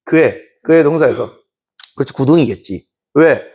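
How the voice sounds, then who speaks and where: Lively high-voiced male history teacher. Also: normal speed. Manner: animated, acts out short scenes in put-on voices. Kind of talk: classroom lecture.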